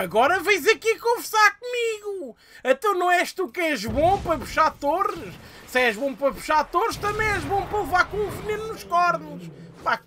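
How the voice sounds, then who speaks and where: Excitable high-voiced Portuguese gamer. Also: male voice, slight background noise. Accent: European Portuguese. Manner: excitable, swearing, shouting outbursts. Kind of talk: live gameplay commentary.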